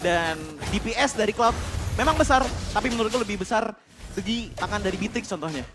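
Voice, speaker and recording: A man's voice: high-pitched, expressive, brisk. A man with an Indonesian accent giving detailed analytical esports commentary, peppered with English game terms. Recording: loud music behind the voice. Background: music.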